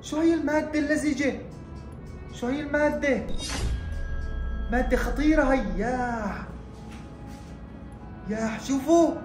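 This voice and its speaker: A man narrating a horror prank vlog at home, excitable and acting scared as he talks to his viewers. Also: extremely high pitch, a little slow, pauses often, reverberant, music in the background. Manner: excitable, feigning fear, addresses viewers. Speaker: vlogger. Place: room at home.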